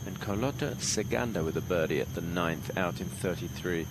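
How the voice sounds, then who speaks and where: A man's voice: sits low, normal speed, noisy background. A man anchoring live golf commentary, reporting scores and statistics as a broadcaster.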